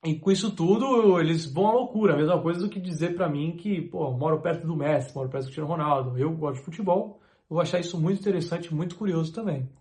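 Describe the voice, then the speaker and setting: A man's voice: on the high side, fast, a little mellow. A man, a language teacher talking casually and enthusiastically to camera, often asking the viewer questions. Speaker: language teacher and video creator.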